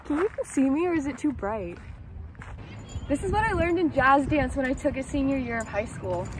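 A young adult woman vlogs in a casual, playful way, full of giggly asides and exclamations, with music behind her. Her high voice is expressive and a little fast, and the recording is rough.

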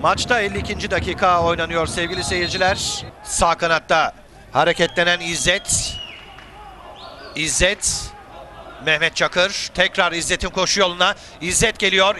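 A man giving live football commentary, calling out players' names as he follows the play. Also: high voice. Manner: calls players' names, excitable shouts at key moments.

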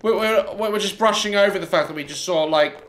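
This man in his thirties has a high-sitting voice and talks a little fast. He's a gaming YouTuber cracking jokes over a horror game on a headset mic, letting out yelps and shouts at the scares.

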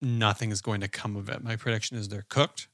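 A man's voice: on the low side, steady tone, brisk, a bit bright, no echo, studio quality. A man guesting on a podcast, giving blunt, pessimistic opinions in casual chat over a remote call. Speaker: guest commentator.

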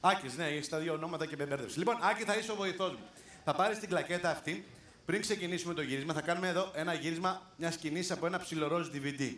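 Speaking on the high side with a fairly bright tone, a male comedian runs a live stage show in a large theater. He calls up audience members to join him, teases them playfully and often breaks into laughter, all captured in an echoey recording full of crowd noise.

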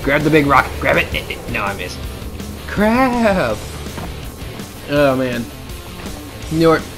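A young man giving excitable, casual commentary as he plays a game, talking to himself and his viewers. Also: a little high, slow pace, over music. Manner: excitable, talks to himself and viewers, shouts when he falls. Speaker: gaming video host.

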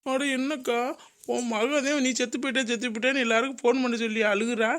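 A woman's voice: a little high, fairly even intonation, quick pace, a bit bright, lightly acted. A woman voicing a greedy, gossipy neighbor in a cartoon comedy. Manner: gossipy, scheming.

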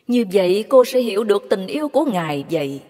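A woman narrating devotional stories in a measured, reverent way. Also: mid-range voice, very animated, mellow. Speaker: storyteller. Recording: long hall reverb.

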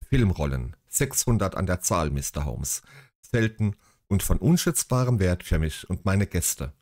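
A man voicing a gruff, commanding older English lord in a read-aloud story, speaking curtly. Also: deep voice, lively intonation, a little slow, a little mellow, dry recording, studio quality. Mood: stern. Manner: curt, commanding.

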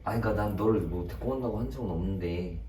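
A man's voice: fairly low pitch, fast talker, warm tone, heavy reverb, far from the mic, slight background noise, low-quality recording. A young man in a comedy skit, talking in a flustered, pleading way with lots of stammering.

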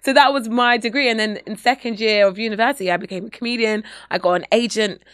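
An English woman in her thirties, a comedian chatting as a podcast guest, telling animated stories and laughing often. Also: on the high side, fast talker, clear, resonant tone, no echo, clean studio sound. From England. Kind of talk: casual podcast chat.

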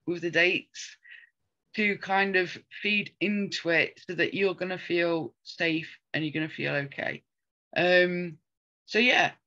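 A woman's voice: fairly low pitch, pushed and bright, muffled recording. A woman co-hosting a casual chat, talking earnestly and rambling with frequent ums. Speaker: podcast co-host.

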